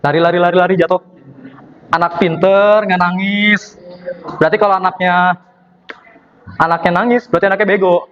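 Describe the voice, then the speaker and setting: A man's voice: sits high, fairly even intonation, normal speed, long pauses. Young man, stand-up comedy, acts out dialogue, slightly dull recording. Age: young adult. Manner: acts out dialogue, switching voices for characters. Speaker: student comedian. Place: performance room at a university.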